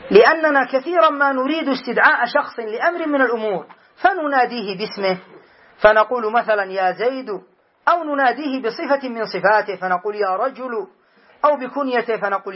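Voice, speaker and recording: شيخ بصوت مرتفع ومبحوح في درس نحو. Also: male voice, very high-pitched, lively intonation, a little fast, dull audio. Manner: explains patiently, repeats examples, quizzes students. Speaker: sheikh teaching Arabic grammar. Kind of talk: classroom grammar lesson.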